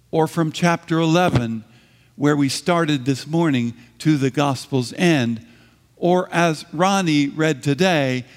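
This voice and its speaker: Slow, reflective male preacher in reverb. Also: a little high. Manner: slow, reflective, with long pauses. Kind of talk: sermon. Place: church. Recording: long reverb of a church hall.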